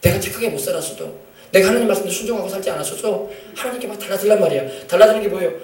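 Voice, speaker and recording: A man's voice: sits high, racing, darkish tone. A male pastor preaching a sermon, emphatic, calling for amens and acting out family quotes. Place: church sanctuary. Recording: echoey church sound from a distant mic.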